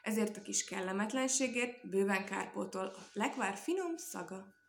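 A woman's voice: mid-range voice, gravelly, a little hiss or hum, lightly acted. Woman voicing a courteous wolf. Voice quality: polite. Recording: echoey room.

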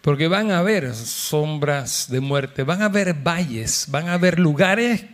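A man's voice: fairly high pitch, animated, a little slow. A male pastor preaching a sermon at a church service, calling out to the congregation and acting out the voices of people in the story. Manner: impassioned, calls out to the congregation.

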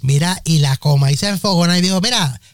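High-voiced Puerto Rican radio joker. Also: male voice, quick pace, background noise. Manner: animated, mock-dramatic, gossipy. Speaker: radio show host. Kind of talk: comedic radio banter. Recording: music playing behind the voice. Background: music.

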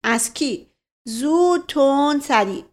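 A woman's voice: high voice, expressive, pitched above the performer's own voice. A woman voicing a bossy middle-aged male police officer who fires off impatient questions, in a storybook reading. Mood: barking.

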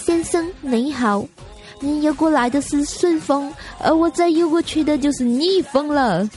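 A woman's voice: high voice, measured pace, darkish tone, faint music behind, voice pushed up. Woman doing a syrupy young service girl. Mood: sugary. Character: sweet-voiced young female customer service agent.

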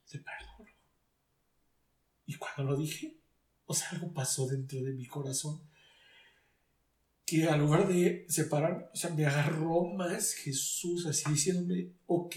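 A man's voice: on the high side, darkish tone. A man giving an emotional personal testimony, earnest and searching, often restarting his sentences. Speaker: guest giving a faith testimony. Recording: echoey room, distant mic.

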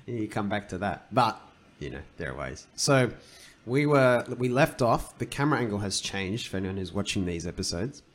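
A man's voice: lowish voice, big pitch swings, normal speed, few pauses. A man co-hosting a podcast, thinking aloud and retelling stories in a loose, rambling way. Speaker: podcast co-host. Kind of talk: casual podcast chat.

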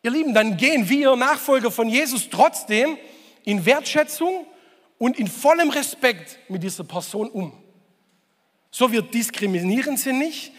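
A man's voice: high-pitched, fairly bright tone, breathy edge, in a large hall. A man preaching a Sunday sermon as pastor, talking conversationally, asking the congregation questions and repeating key phrases for emphasis.

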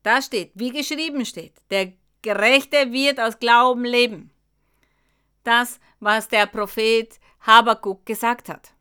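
Slow, bright-voiced woman preaching. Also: mid-range voice, clean tone. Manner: slow, emphatic Bible exposition addressing the congregation. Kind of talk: sermon. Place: church.

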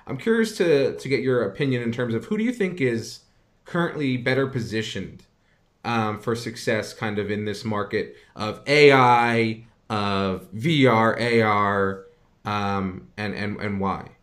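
A man's voice: fairly low pitch, measured pace, a bit bright. A man hosting an interview, speaking hesitantly with lots of stammers and fillers. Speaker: interview host. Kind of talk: conversational interview.

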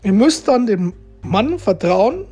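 A man's voice: sits high, sing-song, slow pace, mellow, slightly rough, soft background music. A man giving casual relationship advice straight to his viewers, chatty and repetitive, tagging his sentences with little questions. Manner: chatty, repeats himself, tags lines with "ja?" and "ne?".

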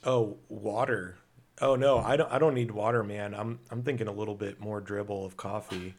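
Casual male podcast co-host, lower voice, loose and rambling. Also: steady tone, normal speed. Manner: rambling, eating while talking. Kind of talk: casual chat.

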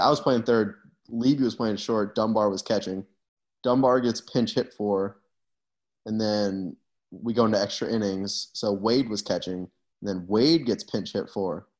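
A young man, a college baseball player, casually telling stories on a podcast he hosts. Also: fairly low pitch. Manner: laid-back storytelling. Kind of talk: casual chat.

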